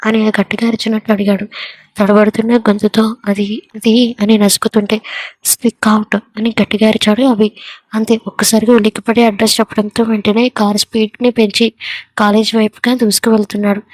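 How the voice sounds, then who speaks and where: A woman reading a serialized romance story aloud in a steady storytelling manner. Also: mid-range voice, fast, no echo. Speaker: narrator. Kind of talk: scripted narration of a serial story.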